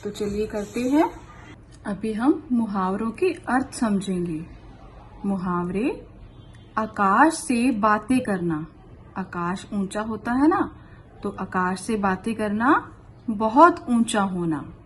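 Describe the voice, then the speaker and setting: A woman teaching a primary school class, speaking slowly and patiently, often repeating words for young children. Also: mid-range voice, lively intonation, fairly bright tone, a little hiss or hum. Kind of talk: online class lesson.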